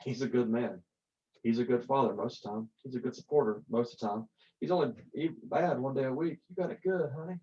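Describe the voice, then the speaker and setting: A harsh, dismissive old grandmother, voiced by a man, scolds in a low, quiet tone. The sound is slightly dull and lo-fi. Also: brisk, close to an everyday voice.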